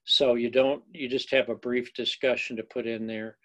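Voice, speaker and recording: A man's voice: medium pitch, steady tone, normal speed, a bit bright, dull audio. A man giving a recorded course lecture as an instructor, rambling and folksy, with many fillers and self-deprecating asides.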